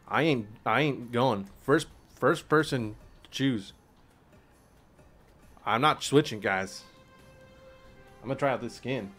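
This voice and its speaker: A man's voice: mid-range voice, slow, long pauses, soft background music. Tipsy, slangy male gaming streamer. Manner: laid-back, slangy, swears, bursts into excited yelling at play. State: tipsy from drinking. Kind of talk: casual gameplay commentary.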